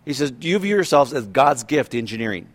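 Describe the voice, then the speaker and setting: A man's voice: mid-range voice, very animated, quick pace. Conversational man in his fifties preaching. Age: 50s. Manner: conversational preaching with repeated restarts and rhetorical questions. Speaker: pastor. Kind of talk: sermon.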